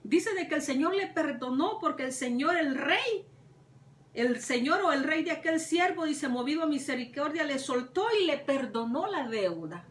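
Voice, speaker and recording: A woman's voice: high voice, lively intonation, moderate pace. A woman preacher retelling a Bible parable, repeating herself and asking rhetorical questions. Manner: retells scripture with many repetitions and rhetorical questions. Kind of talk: Bible teaching. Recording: echoey room, mic at a distance, faint ambience.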